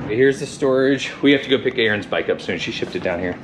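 A man casually narrating his road trip to viewers in a relaxed, chatty way, talking into a handheld camera. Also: mid-range voice, fast. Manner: laid-back, chatty, talks to viewers as "guys". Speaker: travel vlogger. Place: outdoors and in vehicles on a road trip. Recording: outdoor recording with traffic noise.

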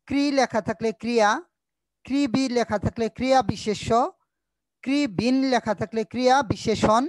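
A woman teacher with a Bangladeshi Bengali accent giving a recorded school lesson, patiently repeating each point and sounding out words slowly. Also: on the high side, dry recording, poor audio.

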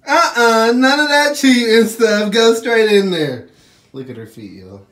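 A young man chatting casually and playfully on a challenge vlog, exclaiming excitably. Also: extremely high pitch, measured pace. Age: young adult. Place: small tiled bathroom indoors. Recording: echoey bathroom, off-mic, noisy.

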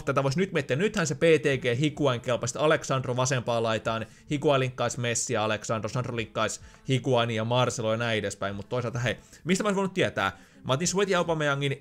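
A man's voice: mid-range voice, a bit bright. A man giving casual gameplay commentary, thinking aloud with chatty, joking asides. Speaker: gaming YouTuber.

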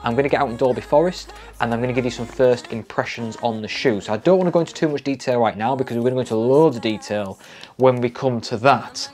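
A young British man chats casually to camera like a vlogger going through new gear. His pitch is average for a man. He is indoors in a small home office, with soft music underneath. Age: young adult. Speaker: trail running vlogger.

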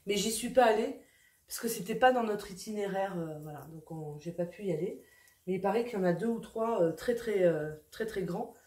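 A woman's voice: mid-range voice, a little fast, mellow. A middle-aged woman chatting casually on her vlog, rambling and full of fillers. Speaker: vlogger. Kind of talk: casual chat.

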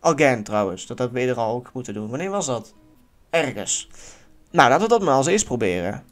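Lively man doing game commentary. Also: mid-range voice, fairly quick. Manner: lively, swears, bursts into yells at near misses. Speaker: gaming YouTuber. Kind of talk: casual let's-play commentary.

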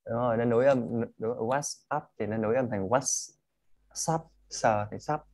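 A man's voice: mid-range voice, steady tone, a little fast, a little mellow. Vietnamese man drilling English sounds. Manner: corrects sounds by modelling words over and over. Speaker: English pronunciation teacher. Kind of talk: one-on-one English pronunciation lesson.

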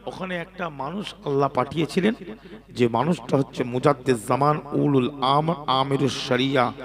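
A man from preaching a sermon, often asking the crowd to answer loudly and swinging from quiet talk to chanted preaching. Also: mid-range voice, moderate pace.

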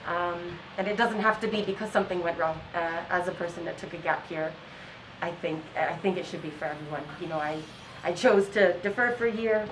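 Her lowish voice comes a little fast and far from the mic against a noisy background with music underneath. She is a Kenyan school counseling intern in her twenties, seated outdoors on a school campus and answering an interview earnestly with fillers and restarts.

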